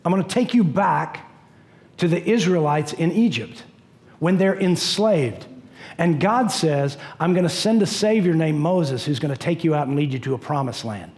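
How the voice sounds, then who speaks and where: A middle-aged man preaching a sermon as pastor, animated, pacing a church stage. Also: on the high side, moderate pace. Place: church stage in a large dim hall.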